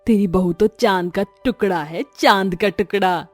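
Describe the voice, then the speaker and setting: A woman voicing a gossipy, flattering neighbor who pries into a bride's secrets in an animated storybook. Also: medium pitch, a little slow, no room sound, soft background music, close to an everyday voice. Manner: flattering, prying.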